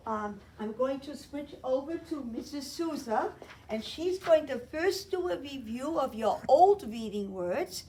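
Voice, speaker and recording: Woman teacher, high voice, unhurried, clear explanations for young kids, online lesson. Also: expressive, warm tone, slight background noise. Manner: sings a slow chant and invites children to join. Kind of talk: remote classroom lesson.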